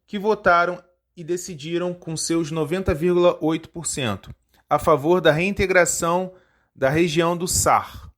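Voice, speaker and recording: A man hosting a history channel, reading out a lecture steadily and slowing down on foreign terms. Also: a little high, a bit bright.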